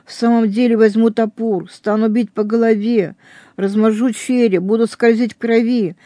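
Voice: mid-range voice, little pitch movement, normal speed, dark tone, no echo, clean studio sound, close to an everyday voice. A reader voicing a young man shaken by a nightmare and anguished over a crime he is planning, in a storybook reading. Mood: horrified. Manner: anguished, pleading with God.

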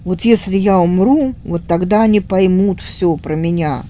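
A woman's voice: lowish voice, moderate pace, warm tone, a little hiss or hum, close to an everyday voice. A woman voicing a frightened, remorseful young schoolboy in a retold story, pleading and despairing.

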